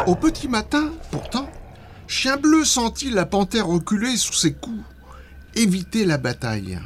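A male storyteller reading a children's tale aloud, with a lively, swooping delivery. His voice sits fairly high for a man. Faint noise lies underneath. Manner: expressive, dramatic storytelling. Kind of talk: scripted story narration.

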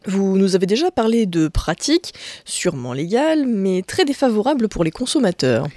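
A woman hosting a local radio show, introducing and questioning her columnist in a brisk, friendly way. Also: mid-range voice, big pitch swings, mellow, no echo. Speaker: radio host.

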